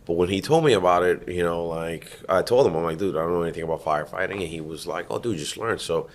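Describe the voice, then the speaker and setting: A man from the Dominican Republic, a firefighter guest, telling his story in a relaxed, conversational way. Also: sits low, fast talker. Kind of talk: casual interview storytelling.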